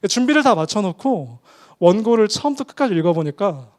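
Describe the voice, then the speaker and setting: Pastor, male, high and lively voice, animated storytelling sermon. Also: brisk. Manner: animated storytelling with acted quotes and laughter.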